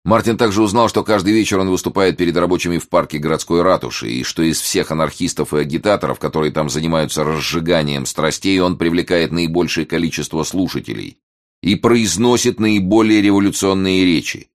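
A man reading a novel aloud as an audiobook, raising his voice for the characters' dialogue. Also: brisk. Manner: lifts pitch and volume for characters' lines. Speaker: narrator. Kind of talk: audiobook narration with acted dialogue.

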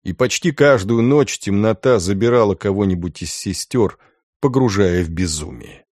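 With a voice on the low side, a man narrates an audiobook with measured, expressive delivery. The studio sound is clean, with no room sound at all.

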